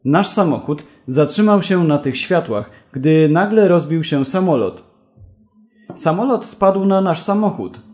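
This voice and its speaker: A man's voice: fairly high pitch, expressive, a little slow, a little mellow, pitched above the performer's own voice. A man reading the lines of a firm, insistent female field doctor in a storybook. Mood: urgent.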